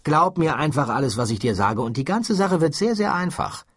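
A man reading an audiobook and voicing an excitable, frantic man who shouts urgent orders in a raised, husky voice. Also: fairly high pitch, dry recording, clean studio sound, voice pushed up, heavily acted. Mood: insistent. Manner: urgent, loud, rushing then drawing out words. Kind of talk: audiobook character voice.

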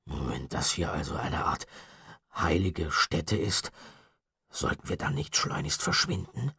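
A jittery teenage boy, as a male audiobook narrator puts him on, low, husky and hushed, trailing into hesitant murmurs. The sound is dry and close to the mic. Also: sing-song, a little slow, no room sound, heavily acted. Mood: uneasy. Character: nervous, uneasy teenage boy.

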